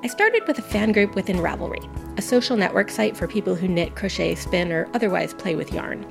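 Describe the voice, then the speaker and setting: A woman's voice: medium pitch, animated, fairly quick, vocal fry. A woman, a guest podcaster, reading a personal essay in an earnest, enthusiastic, reflective way. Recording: music playing under the voice. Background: background music.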